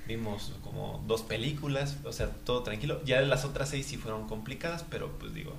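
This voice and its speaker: A young man, chatting as a guest in an interview, halting with many fillers and breaking into laughs. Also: medium pitch, vocal fry, roomy sound, faint music behind. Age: young adult. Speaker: guest, new father. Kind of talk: casual interview chat.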